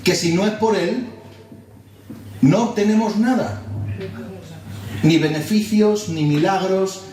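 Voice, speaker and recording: A man from Spain preaching a sermon, explaining slowly and repeating words for emphasis. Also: sits high, a little mellow. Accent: Spain Spanish. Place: church hall. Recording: distant mic in echoey church hall.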